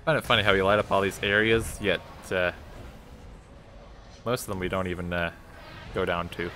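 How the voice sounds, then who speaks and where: A man's voice: sits low, little pitch movement, moderate pace, bright, forceful tone, a little hiss or hum. A man giving offhand, chatty commentary while playing a video game, often muttering to himself. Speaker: let's play host. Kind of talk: casual gameplay commentary. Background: faint game music.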